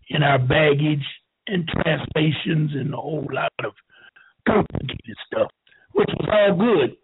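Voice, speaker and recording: Husky seventy-year-old man on a tinny line. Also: fairly high pitch. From United States. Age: 70s. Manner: slow, halting storytelling with restarts. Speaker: show host. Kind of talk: rambling talk.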